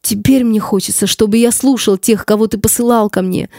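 A woman's voice: medium pitch, steady tone, fairly quick, warm tone, dry recording, studio quality, natural voice. A woman reading the lines of a damned man who confesses his life with regret. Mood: regretful.

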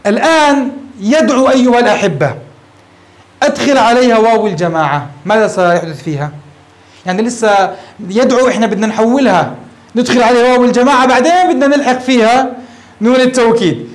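A man's voice: extremely high pitch, rough recording. A sheikh teaching grammar to a class, explaining step by step and putting questions to his students. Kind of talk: classroom lecture at a whiteboard.

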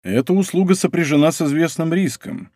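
A passionate, anxious court minister who drags out his pleading words, as the narrator reads him. His voice sits slightly high and comes across close and dry. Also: sing-song, a little fast, dark tone, no echo. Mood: commanding.

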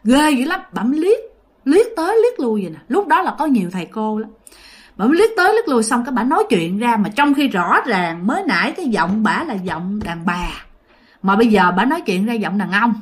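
A woman's voice: fairly high pitch, big pitch swings, brisk, husky. A woman telling a ghost story in a chatty way, speaking straight to her listeners. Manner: chatty, addresses listeners directly. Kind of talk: casual ghost story narration.

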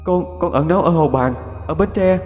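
A man's voice: a little high, moderate pace, darkish tone, in a large hall, soft background music, pitched above the performer's own voice, natural voice. Man doing a stammering, begging ancient ghost. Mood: pleading. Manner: stammering, pleading.

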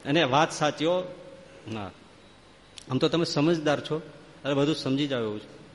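A man's voice: fairly high pitch, moderate pace, big-room sound. A man giving a devotional sermon, telling stories and reeling off long spoken lists. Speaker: preacher.

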